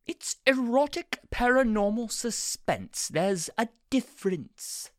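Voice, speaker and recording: A woman's voice: fairly high pitch, expressive, slow pace, darkish tone, no room sound, clean studio sound. A woman voicing a prim, bookish male angel who talks in a flustered, waspish way.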